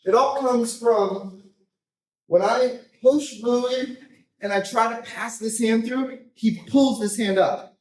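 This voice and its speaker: Man, high-pitched voice, casual coaching demo, short choppy phrasing, frequent check-in tags, roomy echo. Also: slow pace, darkish tone. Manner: informal, choppy phrases with repeated tag "right?". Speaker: jiu-jitsu coach. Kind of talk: hands-on technique demonstration, casual explaining. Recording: roomy echo, distant microphone.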